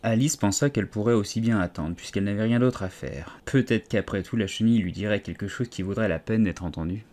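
A man narrating a children's audiobook in a lively, expressive reading. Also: lowish voice, brisk, few pauses. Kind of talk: storytelling narration.

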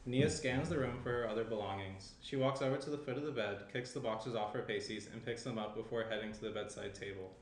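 Seated in an indoor room with a tablet, a young man reads stage directions as narrator for a screenplay table read. His lowish voice moves fast with few pauses. A shared desk mic some distance away captures roomy echo and faint background noise.

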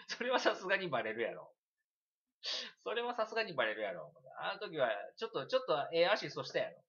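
A man with a Kansai accent tells a story on a casual livestream, chatty and prone to giggling asides. His pitch leaps wildly from low mutters to high outbursts, with a bright, forceful edge. The sound is dull and lo-fi. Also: big pitch swings, fast. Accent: Kansai Japanese.

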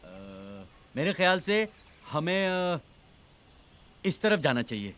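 A chatty, naive clerk. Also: male voice, on the high side, very animated, takes it slowly, fairly bright tone, a little hiss or hum, full character voice. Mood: cheerful. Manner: talkative, polite, rambling, giggles. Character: chatty naive tax clerk, cheerful and long-winded. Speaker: simple-minded tax clerk. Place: outdoors on an island.

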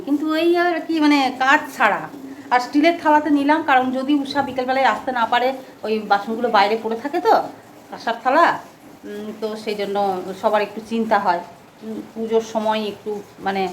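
A middle-aged woman chatting casually and softly through a home vlog, talking while she goes about her day with a cold. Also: a little high, a little hiss or hum. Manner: chatty, homely, speaks softly. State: has a cold. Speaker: vlogger. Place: at home indoors.

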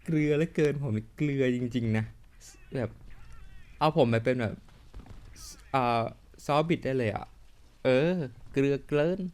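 A man's voice: mid-range voice, measured pace, long pauses, darkish tone. A man giving casual, joking commentary while playing a tank game, swearing freely and laughing at his own mistakes. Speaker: mobile tank game YouTuber. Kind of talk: live gameplay commentary.

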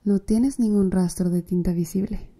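In this ASMR roleplay, a woman portrays a slow, flirty tattoo artist whose dark, mellow voice sits at medium pitch with a steady tone. With soft, breathy teasing and little laughs, she handles her client with easy confidence.

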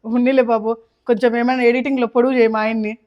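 A young woman with a high voice rattles off her lines at great speed. Her tone is wry and mocking throughout this comedy skit. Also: flat delivery, rapid-fire, highs cut off. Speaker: comedy sketch actor playing the wife.

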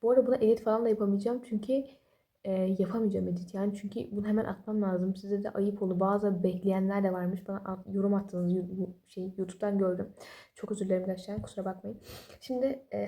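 Young woman vlogger, very dark mellow tone, quick chatty delivery, sleepy late-night talk without a proper mic. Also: medium pitch. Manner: rambling, apologetic, chatty with self-deprecating jokes. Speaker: study vlogger. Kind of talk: casual late-night study advice. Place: home at night while family sleeps. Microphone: no external microphone.

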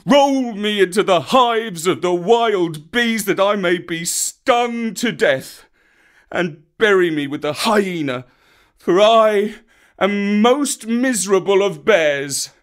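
A man's voice: high-pitched, a bit bright, pitched above the performer's own voice. A man voicing an old male bear teacher who pants and wails melodramatically in despair. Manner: wailing, panting, melodramatic.

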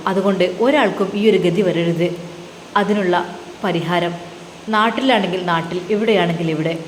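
A woman's voice: fairly low pitch, echoey room, big-room sound, a little hiss or hum, close to an everyday voice, rough recording. A woman voicing a devoted male religious teacher who firmly consoles his frightened wife. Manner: firm, consoling, determined.

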